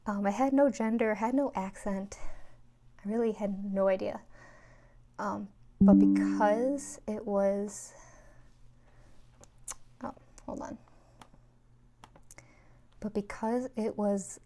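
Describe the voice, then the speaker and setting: A woman's voice: medium pitch, warm tone. A woman from New York telling stories in a casual, rambling way, full of fillers, as a spiritual vlogger. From New York, USA. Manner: chatty, rambling, with many 'like' and 'um' fillers. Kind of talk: casual storytelling.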